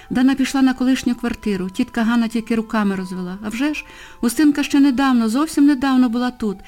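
A woman reading a historical story aloud with expressive, varied phrasing. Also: on the high side. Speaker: narrator. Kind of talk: audiobook narration.

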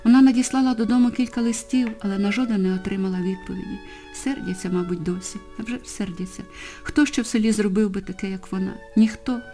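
A woman reading a historical story aloud with expressive, varied phrasing. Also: mid-range voice, quick pace, faint music behind. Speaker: narrator. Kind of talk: audiobook narration.

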